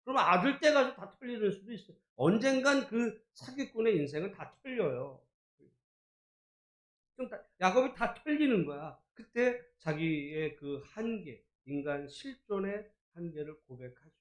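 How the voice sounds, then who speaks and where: High-voiced pastor preaching in an echoey hall. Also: male voice, expressive, unhurried. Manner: conversational preaching with rhetorical questions, swings from soft to loud. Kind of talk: sermon. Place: church sanctuary.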